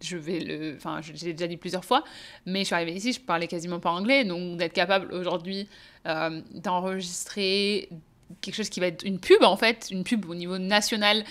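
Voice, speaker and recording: A woman's voice: lowish voice, fairly even intonation, brisk, a bit bright. A young French woman chatting casually to camera as a vlogger, talking with many hesitations and frequent laughs. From France. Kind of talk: casual vlog chat.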